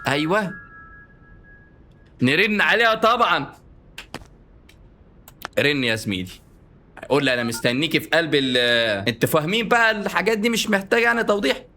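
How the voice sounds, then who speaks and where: A man with an Egyptian Arabic accent giving joking let's-play commentary, often bursting into panicked repeated shouts. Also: high voice, sing-song, fairly quick, pauses often, slight background noise. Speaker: gaming YouTuber. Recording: game music playing underneath.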